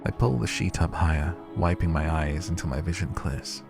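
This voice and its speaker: Over background music, a man narrates a dark visual novel aloud in a very low, creaky voice. His reading is measured and theatrical, yet the melody stays narrow.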